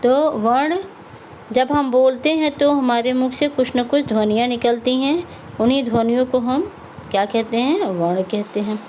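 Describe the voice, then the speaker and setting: A woman's voice: high-pitched, moderate pace, a little mellow, a little hiss or hum, poor audio. A woman teaching a Hindi lesson to young children, patiently repeating words and asking and answering her own questions. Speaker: primary school Hindi teacher.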